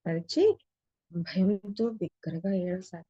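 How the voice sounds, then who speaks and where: A woman's voice: fairly low pitch, measured pace, warm tone, breathy edge, no room sound, highs cut off. A woman teacher reads a story aloud, then retells and explains each passage in casual talk. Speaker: spiritual teacher.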